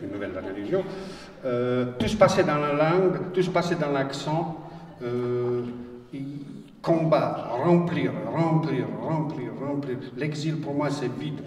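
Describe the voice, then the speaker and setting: A man with a Bosnian accent tells his stories in a halting way, repeats his words, and slips in wry humor. He is picked up from some distance by the mic. His voice rings out in a large hall with a long reverb. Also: on the high side. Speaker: writer on a panel. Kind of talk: personal storytelling talk. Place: conference hall. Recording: roomy hall, distant mic, faint noise.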